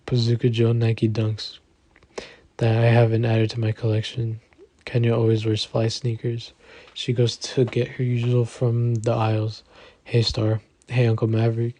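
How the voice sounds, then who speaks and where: A man narrating an audiobook in the first person in an even, understated reading. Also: mid-range voice, unhurried, no room sound.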